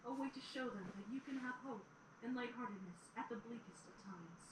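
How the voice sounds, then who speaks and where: A woman voicing a regal, motherly pony princess who mentors in a measured, formal way in an audio drama. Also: fairly high pitch, lightly acted. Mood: instructive. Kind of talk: fan audio drama acting. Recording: roomy, distant, noisy playback of audio drama.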